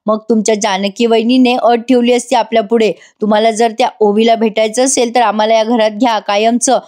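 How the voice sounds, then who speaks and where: A sly, sharp-tongued young wife who talks fast and wheedles, read by a woman retelling a soap episode, in a fairly high voice. She never sounds sincere. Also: flat delivery, natural voice. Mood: persuasive.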